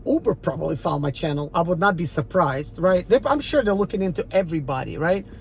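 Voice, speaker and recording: Fast and creaky, with lively intonation at a medium pitch, this Ukrainian rideshare driver rants casually to his channel. He grew up in the former Soviet Union and speaks with an Eastern European accent. His talk is defiant and emphatic, rambling on with many fillers.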